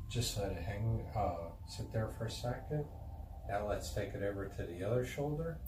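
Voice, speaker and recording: Low-voiced man guiding stretches, echoey room. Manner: calm, gentle, unhurried coaching. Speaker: stretching instructor. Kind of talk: guided stretching instruction. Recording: echoey room, distant mic, noisy background.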